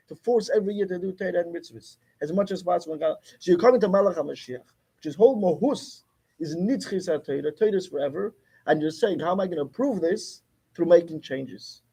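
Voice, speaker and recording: High husky man teaching emphatically. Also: fast, dark tone. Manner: emphatic, repeats key points while explaining. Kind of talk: Torah class lecture.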